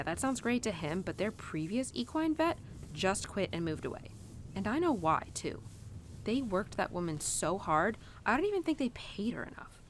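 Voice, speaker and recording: A young adult woman with a slightly high voice plays a cowgirl venting to her horse, stubbornly independent yet torn inside. Her intimate audio-roleplay monologue is animated, chatty and informal, hesitant at times and full of "like" and "you know," with some background noise.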